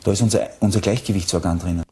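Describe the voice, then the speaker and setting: A man's voice: low-pitched, fairly even intonation, rapid-fire, warm tone. A man in a recorded talk, explaining ideas step by step and posing questions to his listener. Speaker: speaker in a played recording.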